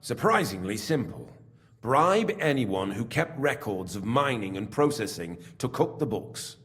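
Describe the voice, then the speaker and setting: An actor playing a scheming middle-aged smelting works master in a video game, smug and evasive as he confesses his part in a silver racket. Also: unhurried. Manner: smug and evasive, lively pitch. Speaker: game character.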